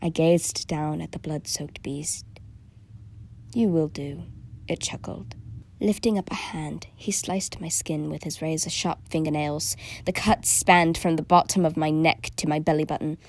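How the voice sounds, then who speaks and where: A woman narrating a first-person horror story from a script, dropping into a hushed near-whisper at tense moments. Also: deep voice, fairly even intonation, moderate pace.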